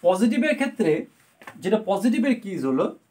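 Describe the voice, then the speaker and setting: A woman's voice: medium pitch, big pitch swings, normal speed, darkish tone. A woman teaching a grammar lesson to students. She explains step by step and keeps checking that they follow. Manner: explains patiently, often checks with "right?".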